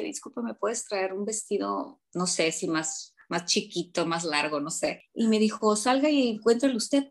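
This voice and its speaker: A woman, a teacher, telling stories as a guest on an interview and acting out the people she quotes. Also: medium pitch. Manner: animated storyteller acting out quotes. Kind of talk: casual interview storytelling. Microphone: remote call from abroad.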